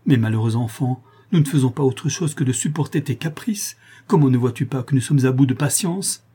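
A man reading a storybook, voicing a gentle, fretful old aunt with a pleading, plaintive manner. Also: medium pitch, a little fast, slightly rough, pitched above the performer's own voice, lightly acted.

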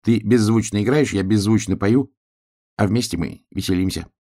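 A man voicing a gentle, dreamy little male hedgehog in a storybook tale, speaking softly and earnestly. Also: fairly low pitch, moderate pace, voice pushed up.

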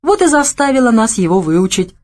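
A woman's voice: a little high, sing-song, brisk, pitched above the performer's own voice. A woman voicing a hearty, effusive middle-aged male general. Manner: warm, effusive.

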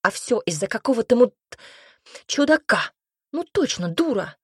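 A blunt, outspoken young woman friend, as a woman narrator puts her on in an audiobook, scolding in a sharp, mocking manner. Her voice is husky, a little higher and louder than the reader's own, with a dry close sound. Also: very animated, normal speed, no echo, heavily acted.

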